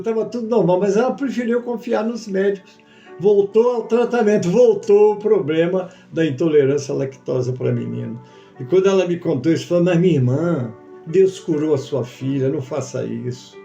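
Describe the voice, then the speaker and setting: A man preaching as a pastor, telling a testimony and acting out the dialogue in a lively storytelling manner. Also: sits high, normal speed, creaky, lo-fi sound, faint music behind. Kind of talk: sermon testimony. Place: church.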